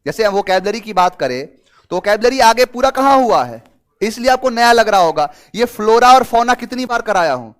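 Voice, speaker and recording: High-voiced man teaching an English class. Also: brisk. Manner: explains in Hindi mixed with English terms, asks students questions; lively and talkative, gives everyday examples. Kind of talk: online exam-prep class.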